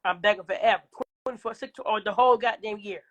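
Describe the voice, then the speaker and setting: A woman's voice: mid-range voice, fast talker, muffled recording. Combative coughing woman ranting on a livestream. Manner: combative, profane, talking back to viewers. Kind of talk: casual livestream rant.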